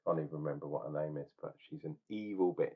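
A man in his forties, with a very deep, slightly rough voice and a fast delivery, reviews a beer at home. He talks casually to a webcam on his desk in a small indoor room, rambling, opinionated and jokey. The webcam gives the recording a dull, lo-fi sound.

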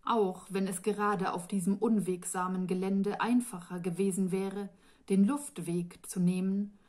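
A woman author reading her own fantasy novel aloud in a calm, measured storytelling voice. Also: mid-range voice. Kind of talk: audiobook fantasy narration.

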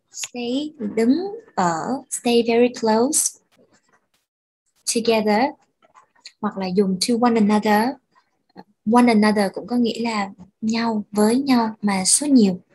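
Slow, breathy woman teaching English. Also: a little high, a little mellow, rough recording. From Vietnam. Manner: slow, patient explaining, repeats words for pronunciation. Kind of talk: bilingual language lesson.

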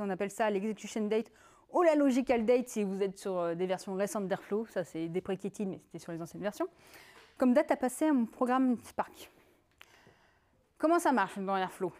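A woman giving a technical conference talk, in a lively conversational way with many fillers and asides. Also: mid-range voice. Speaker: conference speaker.

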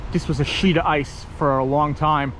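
A middle-aged truck driver talks to a camera held at arm's length in a loose, rambling way, with plenty of fillers. His voice sits a little high for a man. A faint hum of traffic and vehicles runs underneath. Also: fairly even intonation, moderate pace, a bit bright. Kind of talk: casual vlog talk to camera. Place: outdoors at a truck stop lot, later inside a truck cab. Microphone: handheld camera at arm's length.

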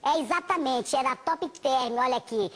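A woman doing an upbeat sales pitch as a commercial presenter in a doll play. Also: normal speed, fairly bright tone.

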